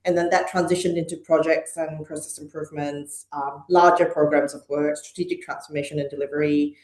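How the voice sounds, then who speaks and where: A middle-aged woman from Malaysia and Hong Kong, low-pitched and level with a darkish tone, talks a little fast as a podcast guest. It's a conversational interview where she speaks thoughtfully with frequent ums and uhs, in an echoey room.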